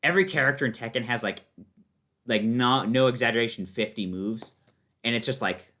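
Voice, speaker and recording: This fighting game player, a young American man guesting on a podcast, has a medium-pitched voice that comes across bright and forceful at a fairly fast pace. He chats informally, wandering through his explanations with lots of fillers.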